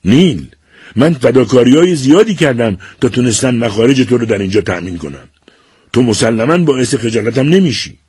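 A man reading an audiobook and voicing a stern, furious middle-aged father who shouts orders at his son. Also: mid-range voice, expressive, slightly rough, no room sound, studio quality, pitched above the performer's own voice. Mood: cold. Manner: shouting, domineering.

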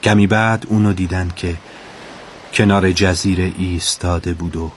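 Low-voiced male storyteller, calm and measured. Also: slight background noise. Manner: calm, measured reading with dramatic pauses. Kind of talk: storybook narration.

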